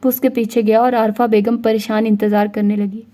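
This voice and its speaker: A woman narrating a romance novel in a steady storytelling read, voicing every character herself. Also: on the high side, fairly quick. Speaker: audiobook narrator.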